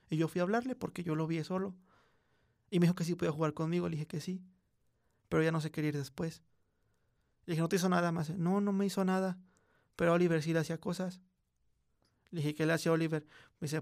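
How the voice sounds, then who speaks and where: A young Mexican man telling a scary story in casual, slangy chat, often dropping to a hush when quoting a child. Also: on the high side, clear, resonant tone. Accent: Mexican Spanish. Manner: slangy, swearing, acts out a child's quiet voice in quotes. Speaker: podcast host.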